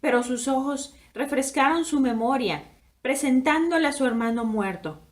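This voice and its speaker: A woman narrating a story aloud in a dramatic, expressive reading that swings between hushed and loud passages. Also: sits high, normal speed.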